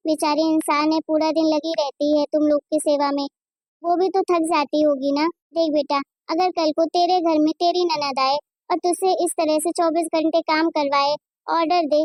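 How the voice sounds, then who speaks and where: A woman voicing a fair-minded middle-aged mother in a Hindi cartoon, lecturing her daughter in a high, sing-song tone. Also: fairly even intonation, normal speed, darkish tone, no echo, lightly acted. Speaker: voice actor.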